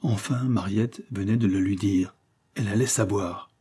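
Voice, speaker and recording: Low, husky male audiobook narrator. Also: moderate pace, dark tone. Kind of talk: audiobook reading.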